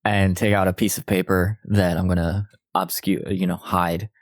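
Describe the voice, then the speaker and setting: A man playing a tabletop game, playful and often laughing. His voice is very low and recorded dry. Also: flat delivery, normal speed, dry recording. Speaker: player. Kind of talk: casual tabletop game chat.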